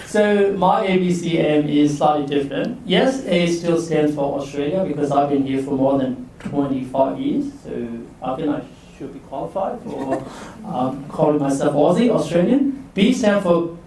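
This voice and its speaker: A Burmese leadership coach in his forties gives a casual, chatty workshop talk to students and asks them to raise their hands. His fairly high voice moves at a moderate pace, recorded from afar in an echoey room with crowd noise.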